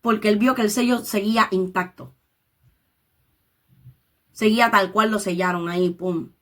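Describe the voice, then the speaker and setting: A woman's voice: medium pitch, steady tone, moderate pace. A woman leading a Bible study, reading scripture aloud and explaining it in her own words, dropping in English interjections. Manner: reads scripture aloud and paraphrases it.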